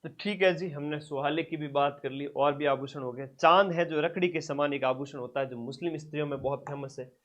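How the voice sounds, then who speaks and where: A male teacher giving an exam-prep lecture. He repeats terms slowly for students to write down, and his loudness and distance from the mic keep changing. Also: fairly even intonation. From Rajasthan. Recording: dull low-fidelity classroom recording.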